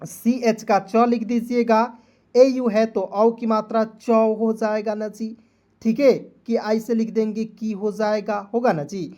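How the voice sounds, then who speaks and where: A man's voice: high-pitched, level tone, slow, mellow. A male online teacher walks viewers through words, spelling them out letter by letter in a patient, repetitive way. He keeps stopping to ask whether his viewers follow, talking to them as friends. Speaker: English teacher. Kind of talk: online lesson.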